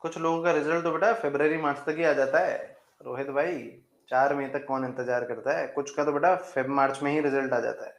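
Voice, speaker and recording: A male teacher in a live class, joking with students and repeating key terms slowly. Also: on the high side, steady tone, reverberant. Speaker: chemistry teacher.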